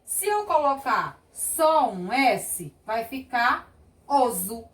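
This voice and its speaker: Slow, sing-song Brazilian woman teacher. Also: sits high, very animated. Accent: Brazilian Portuguese. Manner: slow, sing-song, exaggerated word sounding. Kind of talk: children's lesson. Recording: echoey room, a bit far from mic.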